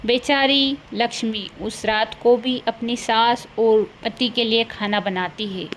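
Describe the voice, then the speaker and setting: A woman's voice: fairly high pitch, steady tone, takes it slowly, a little hiss or hum, poor audio. A woman giving scripted, sympathetic storybook narration for a cartoon.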